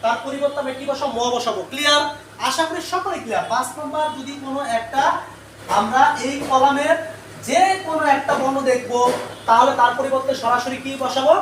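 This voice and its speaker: A male teacher runs a live online grammar lesson in a very high, brisk voice, repeatedly quizzing the class and then supplying the answers himself. He sits far from the mic in an echoey room, with faint background noise.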